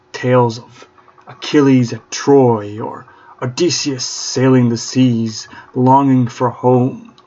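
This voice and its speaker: A young man hosting a podcast in a mock-courtly style, grandiose and theatrical with playful old-fashioned flourishes. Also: mid-range voice. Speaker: podcast host. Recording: dull lo-fi recording.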